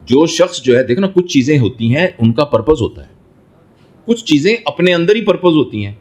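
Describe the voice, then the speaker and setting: A man's voice: on the high side, big pitch swings, darkish tone, breathy edge. A man who is a doctor, answering in an interview in a fatherly way, explaining through everyday examples and rhetorical questions. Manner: fatherly, addresses listener as son.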